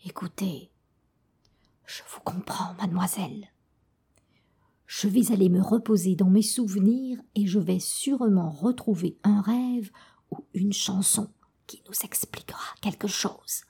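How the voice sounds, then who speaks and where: Un vieil esturgeon aimable et érudit, au parler poli et posé, joué par une conteuse. Sa voix reste plutôt aiguë, avec un timbre chaud et un débit lent. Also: female voice, on the high side, animated, slow, breathy edge, exaggerated voice. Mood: whispering. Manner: polite, gentle, bookish. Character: old kind learned male sturgeon.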